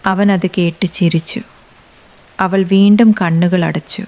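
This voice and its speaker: Slow, measured woman reading a romance. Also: fairly low pitch, steady tone, a little mellow. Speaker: story narrator. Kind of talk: scripted narration of a romance story.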